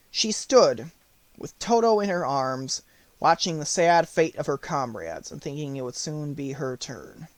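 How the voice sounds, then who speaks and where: The audio is a dry recording with nothing of the room around it: a man reading a storybook audiobook in a somewhat high voice, his delivery measured and carefully phrased.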